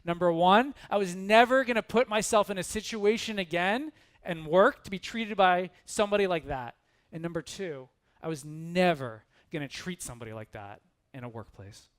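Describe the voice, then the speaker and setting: A man giving a storytelling motivational talk on stage before an audience, animated and dramatic, acting out scenes. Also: high-pitched, normal speed. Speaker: keynote speaker.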